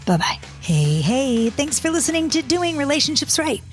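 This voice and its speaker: A dating coach and podcast host in her 50s reads listener comments aloud on her casual solo show and then answers them, chatty, exasperated and stumbling over restarts. She speaks at a moderate pace in a high-sitting voice with big pitch swings, and faint music plays behind her.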